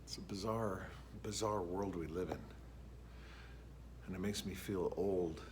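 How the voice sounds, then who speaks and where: A man's voice: low voice, fairly even intonation, a little slow, a little mellow, a little hiss or hum. A middle-aged man, a band director, chatting casually to camera in a vlog and musing aloud as he goes about his day. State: a little out of breath.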